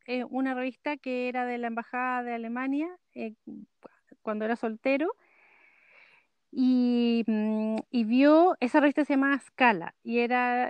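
A woman's voice: high-pitched, clean tone, no room sound, dull audio. A woman with a Chilean accent co-hosting a podcast from home over a call, telling rambling stories in casual chat. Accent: Chilean Spanish. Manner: rambling, chatty storyteller. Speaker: podcast co-host. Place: home, connected remotely. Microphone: computer mic on a call.

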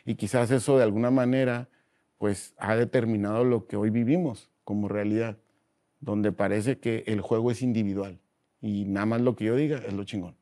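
A man with a Mexican Spanish accent, a guest in a casual interview, talking in slangy, animated bursts and acting out voices as he tells stories. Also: fairly low pitch, moderate pace.

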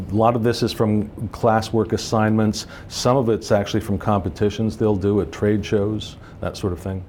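A man's voice: fairly low pitch, a little mellow. A middle-aged man giving casual explanations as an interview guest in a school hallway. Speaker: makeup department head, interview guest. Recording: background noise in hallway.

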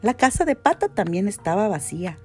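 A woman's voice: medium pitch, a little fast, soft background music. Woman reading a children's story. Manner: gentle, expressive, hushed in tense parts. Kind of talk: children's story read aloud.

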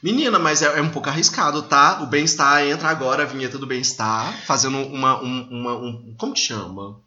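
A man's voice: medium pitch, a little fast, sharp tone. A man from Brazil interviewing the host, joking in a playful, theatrical way. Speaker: guest interviewer. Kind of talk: casual chat. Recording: roomy, dull lo-fi sound with faint noise.

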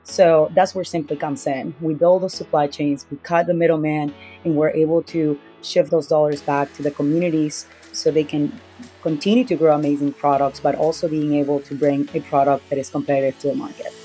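A woman's voice: sits low, fairly quick, soft background music. A woman from Peru, explaining her food business as a guest in a conversational interview. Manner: explanatory, steady, with occasional fillers. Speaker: company founder as guest.

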